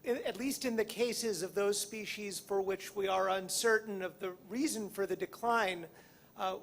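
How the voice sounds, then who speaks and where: High-voiced man asking a careful question. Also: fairly even intonation, moderate pace, slight background noise. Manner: hesitant, careful phrasing. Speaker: audience member asking a question. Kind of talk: lecture Q&A question.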